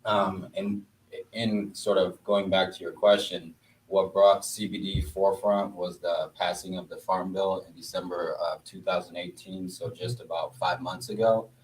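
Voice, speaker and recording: A man in his thirties from Bosnia, a guest entrepreneur speaking in a measured way with many pauses. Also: low-pitched, flat delivery. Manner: measured, lots of "uh" fillers. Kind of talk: casual interview chat. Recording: distant mic with faint noise.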